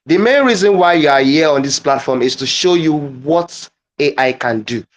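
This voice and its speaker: A man with a slightly raised pitch leads a live online lesson demonstration. He talks haltingly, often restarting and repeating phrases as he works out the wording. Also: lively intonation. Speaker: guest presenter. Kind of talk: live online teaching demo.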